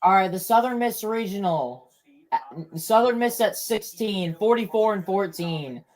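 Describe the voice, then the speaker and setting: A young man co-hosting a podcast, casually reacting out loud to a sports broadcast and blurting out results. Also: high voice, animated, unhurried, rough recording. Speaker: podcast co-host.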